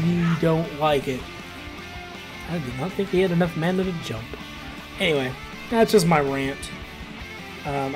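A gameplay commentator talking casually over a match, rambling and ranting with plenty of filler words. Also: medium pitch. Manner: rambling, ranty, laid-back with filler words.

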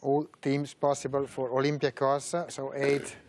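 Halting middle-aged man hosting a draw. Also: mid-range voice, monotone, darkish tone, no room sound. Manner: halting, with frequent "uh" pauses. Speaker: draw host. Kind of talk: presenting a live tournament draw.

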